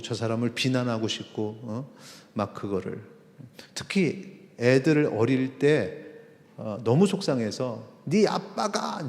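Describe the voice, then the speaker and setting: A man, a pastor, preaching a sermon in a conversational way, with pauses and acted-out quotes. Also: medium pitch, a little mellow. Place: church sanctuary. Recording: long reverb of a church hall.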